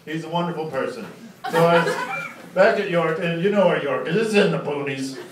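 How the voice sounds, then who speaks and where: A man with a fairly high voice does live stand-up storytelling at a brisk clip, rambling through casual banter in a teasing, sarcastic way. The live club recording is very noisy, roomy and distant.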